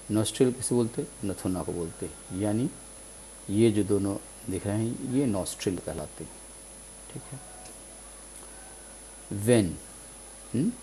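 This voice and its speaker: Patient man teaching, low mellow voice. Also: slight background noise, poor audio. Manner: patient, repeats each word several times; frequent "theek hai na" check-ins. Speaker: English teacher. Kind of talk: vocabulary lesson in Urdu.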